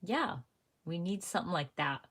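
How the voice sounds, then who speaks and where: A woman's voice: lowish voice, animated, normal speed, fairly bright tone. A young woman hosting a live crafting stream, chatting casually and rambling to her viewers, often correcting herself mid-sentence. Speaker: crafting livestream host.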